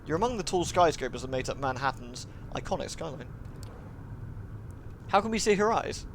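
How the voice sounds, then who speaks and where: Over a noisy background, a man with a slightly high, animated voice streams live at moderate speed. He reads a visual novel's narration aloud and switches to courteous, grateful chat with his audience.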